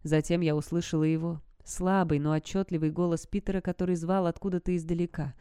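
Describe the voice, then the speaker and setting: A woman's voice: on the low side, fairly even intonation, brisk, dark tone, smooth, no room sound, clean studio sound. A woman narrating a first-person audiobook in a tense, suspenseful storytelling manner.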